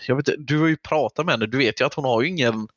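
Man, medium pitch, casual co-host chat, dry and slightly muffled recording. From Gothenburg, Sweden. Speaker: podcast co-host.

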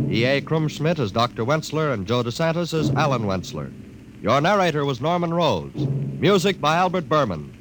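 A man reading scripted announcements in formal 1950s radio style. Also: mid-range voice. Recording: noisy old radio broadcast disc.

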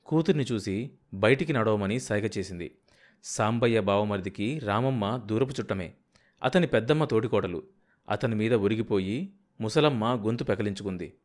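A man narrating a novel as an audiobook reader in a steady, measured way. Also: lowish voice.

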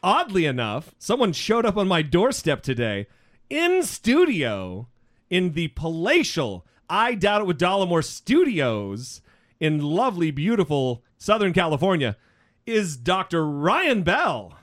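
A man's voice: high-pitched, wildly swooping pitch, unhurried, fairly bright tone, dry recording, clean studio sound. A man with an American accent hosting a casual podcast, telling stories in a joking, rambling way. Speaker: host.

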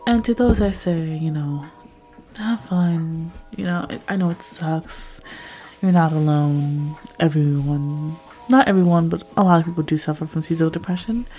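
Soft music plays in the background as this podcast host, a young woman, rambles casually to her audience, filling her talk with fillers. A cold has left her deep voice raspy and slightly hoarse, and her tone is dark at a moderate pace.

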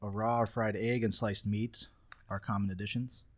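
Man, husky, lowish voice, laid-back podcast co-host, casual swearing, dry close mic. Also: level tone, moderate pace, no room sound. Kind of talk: casual chat. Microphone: podcast microphone.

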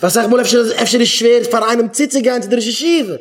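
A man, a rabbi giving an animated talk to yeshiva students, acting out little dialogues and mixing in English words. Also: very high-pitched, fast.

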